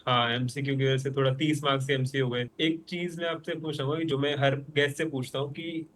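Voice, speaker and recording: A man's voice: medium pitch, level tone, quick pace, fairly bright tone. A young man hosting a podcast, asking a guest questions in a friendly, casual way. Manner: friendly, asks short questions. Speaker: podcast host. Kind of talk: casual interview chat.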